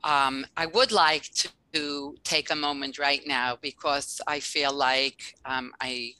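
A woman's voice: low voice, fairly even intonation, slow pace, pushed and bright, smooth, dry recording, poor audio. A woman dating coach speaking earnestly on a live online podcast, heartfelt, with frequent restarts. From based in Los Angeles. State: emotional, near tears.

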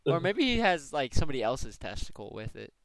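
A man's voice: medium pitch, very animated, fairly quick, gravelly, a bit bright, slight background noise. A young man co-hosting a casual podcast chat, goofy and laughing a lot, full of "dude" and "like". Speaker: podcast co-host.

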